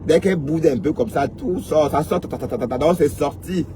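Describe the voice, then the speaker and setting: A man's voice: a little high, a little fast, warm tone, soft background music. Chatty man asking "hein?". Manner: rhetorical, peppers talk with questioning "hein?"; talks straight to viewers and commenters. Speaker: online gossip commentator. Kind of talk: casual live commentary on social media drama.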